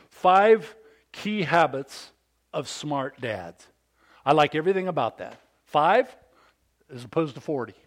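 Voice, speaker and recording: Calling for amens from his congregation, a pastor in his fifties preaches to fathers with a big, animated delivery. His voice sits a little high.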